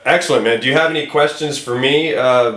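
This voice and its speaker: Mid-range and fairly bright, this male voice runs a little fast, with echoey room sound. He plays a film director casting an actor, chatting encouragingly and informally on a phone call and to viewers.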